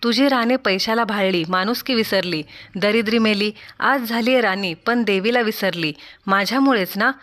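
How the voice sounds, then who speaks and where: A woman's voice: mid-range voice, normal speed, a bit bright, natural voice. A woman voicing an old beggar woman who scolds with stern, rebuking words in a told folk tale. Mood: indignant.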